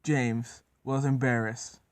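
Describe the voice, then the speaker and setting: A man's voice: mid-range voice, flat delivery, takes it slowly, no echo. A man narrating a comedic story in a casual, profane, mock-serious way.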